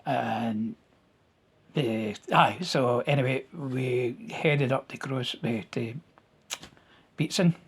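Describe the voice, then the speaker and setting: A man with a Scottish accent telling his own story in a plain-spoken, halting way, with restarts and local words. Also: mid-range voice, husky. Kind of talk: casual storytelling to camera.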